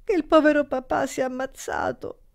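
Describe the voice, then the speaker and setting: A desperate young girl cries and begs in a high, breaking voice, as a woman reading a storybook takes her part. Her pleas come out through sobs. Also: animated, brisk, creaky, darkish tone. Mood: sobbing. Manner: sobbing pleas.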